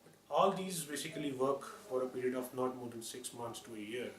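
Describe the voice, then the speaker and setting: A man's voice: medium pitch, lively intonation, a little fast. Indian-accented man in an echoey, noisy room. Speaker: orthopedic surgeon. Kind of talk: explanatory medical talk to camera. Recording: echoey room, distant mic, clear noise.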